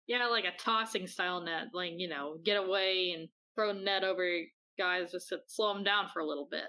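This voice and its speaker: A woman's voice: fairly low pitch, a little fast, pushed and bright. A woman playing in a tabletop game, speaking casually and a bit hesitantly. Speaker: player.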